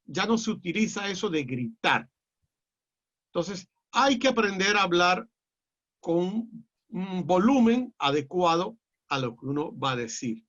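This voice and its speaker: Man, Peruvian accent, middle-aged lecturer, measured and explanatory, muffled low-fi recording. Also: big pitch swings, a bit bright. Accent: Peruvian Spanish. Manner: measured and explanatory, with frequent "eh" fillers and restarts. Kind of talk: online class lecture. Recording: dull lo-fi audio.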